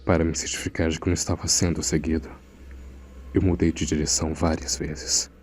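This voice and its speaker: A bass-voiced man, a little mellow, delivers his lines flatly and fairly quickly against slight background noise. Playing an uneasy morgue assistant, he narrates a horror audio drama in grave, suspenseful, scripted first person, recounting a frightening secret.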